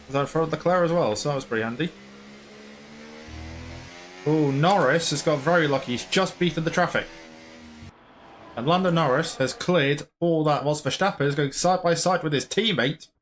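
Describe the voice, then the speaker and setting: A man's voice: a little high, normal speed, pauses often, slight background noise. A man casually commentating his own racing game play, chatty and rambling, sometimes slipping into mock broadcast commentary. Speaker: gaming YouTuber.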